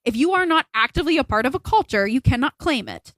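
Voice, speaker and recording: A woman's voice: high-pitched, animated, fast, fairly bright tone, dry recording, rough recording. A young woman co-hosting a podcast, talking in a casual, opinionated and rambling way, pressing her points with emphasis. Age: young adult. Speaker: podcast co-host. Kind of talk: casual chat.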